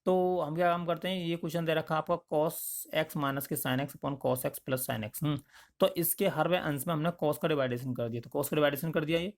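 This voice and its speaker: Guy teaching maths step by step, kinda high voice, keeps saying okay. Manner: explains in plain spoken steps, with frequent checks like "okay". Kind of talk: step-by-step lesson explanation.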